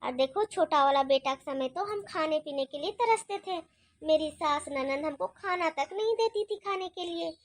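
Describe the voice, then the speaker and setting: A woman's voice: sits high, moderate pace, no echo, studio quality. A woman voicing a fond, worried older mother-in-law in a cartoon story, fussy and chatty.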